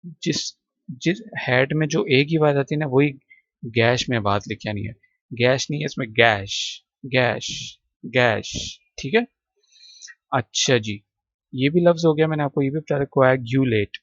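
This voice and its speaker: A man's voice: mid-range voice, normal speed, long pauses, no echo. Guy teaching vocab off a textbook, says words over and over to get them right, dry dull-ish recording. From Pakistan. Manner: repeats words to drill pronunciation; says "ठीक है" between points. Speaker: English teacher.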